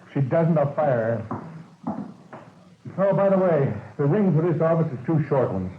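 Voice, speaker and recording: An actor playing a nervous, fretful theater manager in a 1940s radio drama. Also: male voice, on the high side, expressive, moderate pace, breathy edge. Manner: fretful, talkative. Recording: tinny old radio broadcast.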